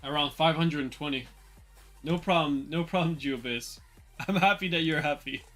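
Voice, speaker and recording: A man with a fairly high, bright and forceful voice talks through a relaxed market livestream. He rambles casually, repeating words and answering his chat as he goes, with soft music playing faintly behind him. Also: moderate pace. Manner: chatty, loose, answers chat aloud with filler and repeats. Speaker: trading livestream host.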